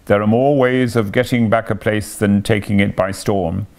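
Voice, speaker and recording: A man's voice: lowish voice, steady tone, a little mellow, natural voice. A man voicing a stern, fatherly old badger with a dry voice, in an animal storybook. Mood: reassuring. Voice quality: thin, dry. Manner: slow, severe, commanding.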